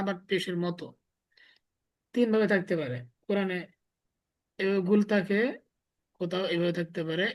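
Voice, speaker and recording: A man teaching a small class, explaining step by step and asking his students the same question again and again. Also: high voice. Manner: quizzing students with repeated questions. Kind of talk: classroom lesson.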